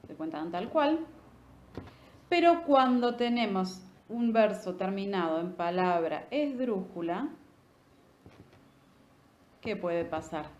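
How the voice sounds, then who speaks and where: A woman teaching a literature lesson. She explains patiently, checks in with "¿sí?" and taps out rhythm while reciting verse slowly. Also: mid-range voice, animated, darkish tone, lo-fi sound. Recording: echoey room with faint noise.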